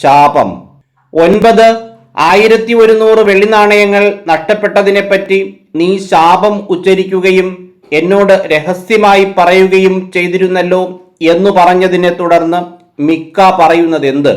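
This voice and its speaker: A man, teaching a Bible quiz as host, reading out numbered questions and then giving each answer in a lower, quieter voice. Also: fairly even intonation, unhurried.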